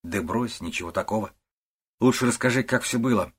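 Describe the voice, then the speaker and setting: A man reading an audiobook, voicing a calm, quiet young husband in a low, husky voice. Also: brisk. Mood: modest.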